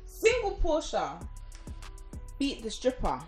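A woman's voice: high voice, huge pitch swings, slow. A woman, gossiping casually as a co-host in an emphatic, teasing way. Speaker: show co-host, entertainment gossip. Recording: roomy echo, faint music behind.

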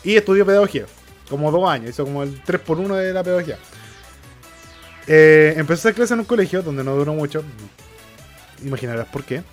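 A man's voice: fairly high pitch, animated, fast, long pauses, soft background music. A young Chilean man co-hosting a podcast, telling a story in casual chat, acting out the quotes, swearing and laughing often. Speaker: podcast co-host.

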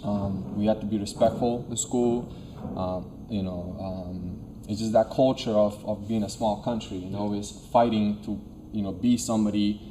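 A man's voice: on the low side, steady tone, moderate pace. A man from Serbia, speaking as a fitness trainer giving casual, conversational interview answers. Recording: clearly noisy room ambience.

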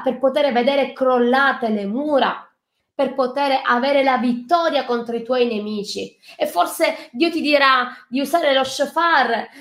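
High-voiced fervent woman preacher. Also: echoey room. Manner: fervent, exhorting the listener, reading scripture aloud. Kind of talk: sermon. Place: online live stream.

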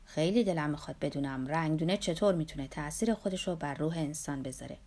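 A woman reading the lines of an urbane, skeptical gentleman in an audiobook, measured and gently ironic. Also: low-pitched.

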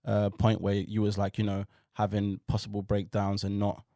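A man's voice: lowish voice, monotone, moderate pace, warm tone, no room sound, studio quality. A man with a London accent chatting casually as an interview host, with a slangy roadman-style delivery. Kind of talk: casual chat with street slang.

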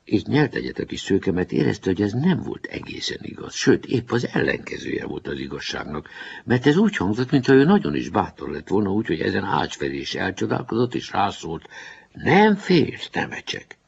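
A man narrating a storybook chapter in a lively, expressive way. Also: low voice, vocal fry, slight background noise. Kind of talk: storybook reading. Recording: dull lo-fi recording.

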